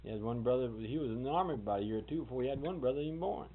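A man's voice: mid-range voice, animated, racing, breathy edge. A man, rambling and correcting himself as he tells family history in a casual interview. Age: 40s. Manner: rambling, folksy, self-correcting. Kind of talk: casual oral history talk. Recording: tinny old tape with hiss.

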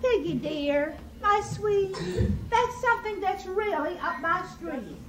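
A confident young storybook maiden, played by a woman, breezy and self-assured. Her high voice takes its time in an echoey, noisy room. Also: animated, takes it slowly, exaggerated voice. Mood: breezy confidence. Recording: echoey room with clear background noise.

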